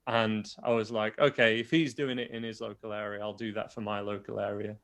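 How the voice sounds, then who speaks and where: His voice sits lowish and level, a little quick and a bit bright. A young man from Yorkshire with a subdued accent, he works as a guitar teacher and online video creator, explaining things plainly and casually in an interview while often starting over.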